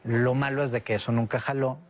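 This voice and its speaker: A man in his forties who grew up in Italy, a guest in an interview, explaining at length and often pausing to search for words. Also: medium pitch, little pitch movement, slight background noise. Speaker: guest, director of a citizen security observatory. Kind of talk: casual interview talk.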